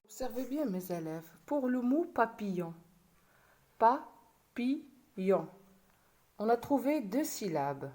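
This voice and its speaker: A woman's voice: a little high, very animated, warm tone. A woman teaching a primary school class, addressing her pupils and breaking words into syllables one by one. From Morocco. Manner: slow, syllable-by-syllable instruction. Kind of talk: classroom video lesson.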